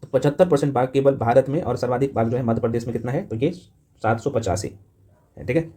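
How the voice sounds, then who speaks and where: Rapid-talking man giving an informal revision lecture. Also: medium pitch, dark tone. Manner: rapid-fire delivery peppered with short check-in questions. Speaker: teacher of a current affairs exam class. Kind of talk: fast revision lecture to camera.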